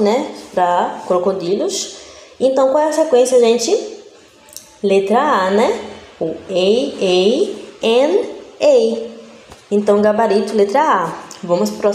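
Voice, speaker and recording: A young woman from Brazil teaching an exam-prep English lesson, explaining step by step and ending phrase after phrase with a quick "né?". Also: mid-range voice, a little mellow. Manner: explains step by step, tags nearly every phrase with "né?". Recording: echoey room with faint background noise.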